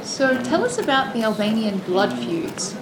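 A woman's voice: on the high side, sing-song, normal speed. A woman conducting a casual interview outdoors as the interviewer. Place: outdoors on a busy city street. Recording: busy street, crowd and traffic. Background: street bustle and vehicles.

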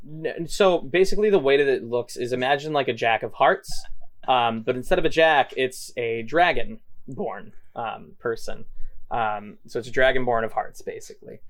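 A man's voice: medium pitch, moderate pace. A man narrating as game master, loose and full of fillers.

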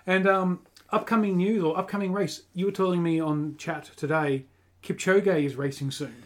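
An easygoing man from Australia co-hosting a podcast, with a fairly high voice. He chats casually about sport and keeps slipping in dry jokes. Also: fairly even intonation, normal speed. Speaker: podcast co-host.

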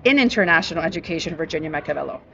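A woman's voice: low voice, expressive, racing, creaky, pushed and bright, highs cut off, slight background noise. A woman being interviewed as a guest about her work in education, speaking in a heartfelt way and often restarting her sentences. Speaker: guest, college education professional. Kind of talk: conversational interview. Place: busy conference floor. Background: crowd chatter.

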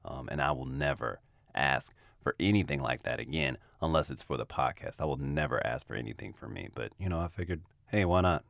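A fifty-year-old man from the United States hosting a podcast, telling personal stories in a relaxed, self-deprecating, reflective way. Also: extremely low pitch, fairly quick, gravelly, no echo, studio quality. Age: 50s. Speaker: podcast host. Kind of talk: casual personal storytelling.

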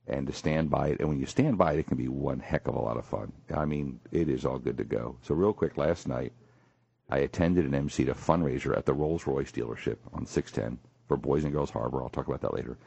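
A male radio show host in a morning talk show, animated and jokey, with a husky voice. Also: a little fast, dry recording, lo-fi sound. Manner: animated, jokey, swings high for emphasis. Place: radio studio.

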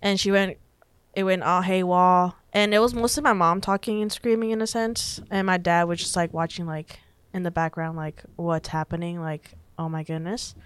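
A woman's voice: fairly low pitch, fairly even intonation, moderate pace, smooth. A young woman, a podcast guest telling a personal story in a chatty way, full of "like" and quoted dialogue. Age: young adult. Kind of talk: casual storytelling.

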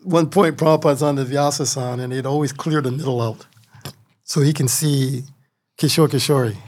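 An older man from the Midwestern United States, a guest telling lively stories with frequent laughter and lots of "you know.". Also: mid-range voice, normal speed. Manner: animated storyteller, laughs often, many you-knows. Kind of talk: casual storytelling interview.

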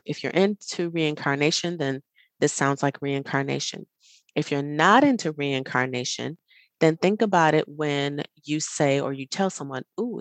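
Podcast host, woman, low register, dry close mic; earnest, encouraging self-help monologue. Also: dry recording. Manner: earnest, encouraging, addresses the listener directly; smiling as she speaks.

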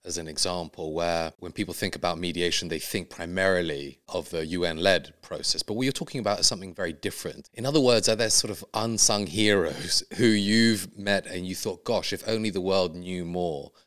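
A man's voice: deep voice, a little fast, few pauses, fairly bright tone. A man hosting a podcast, who reads a scripted introduction and asks long, composed questions. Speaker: podcast host.

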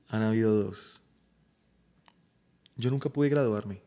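Laid-back low-voiced Colombian man joking. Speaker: guest comedian. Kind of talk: casual podcast chat.

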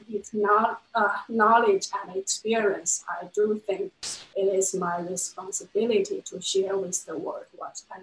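A woman in her fifties who grew up in China, a panel guest telling her own story earnestly, with some halting restarts. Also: mid-range voice, echoey room, a little hiss or hum, poor audio. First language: Chinese. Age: 50s. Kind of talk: personal testimony on a panel.

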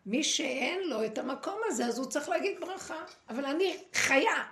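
A woman giving a dramatic, preachy spiritual talk to a group, with pointed pauses. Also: high-pitched, animated, a bit bright. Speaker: spiritual teacher. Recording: echoey room, faint noise.

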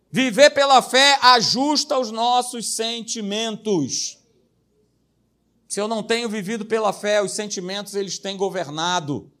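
A man's voice: high voice, fairly bright tone. A male pastor preaching a sermon, emphatic and repetitive, hammering single words and tossing in jokey asides.

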